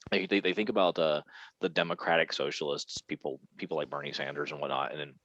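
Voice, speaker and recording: A man co-hosting a casual podcast chat, animated, repeating words and laughing often. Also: extremely low pitch, fast talker, dry recording, highs cut off. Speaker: podcast co-host.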